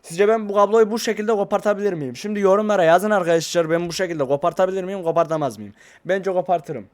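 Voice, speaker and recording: A man talking casually to his viewers in a vlog, rambling and excitable, into a desk microphone. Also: sits high, fast talker. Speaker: YouTuber. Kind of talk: casual vlog talk to camera.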